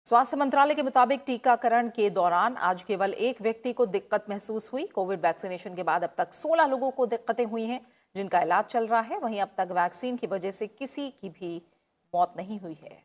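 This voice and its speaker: Female news anchor, formal even read, mid-pitched. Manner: steady, measured delivery.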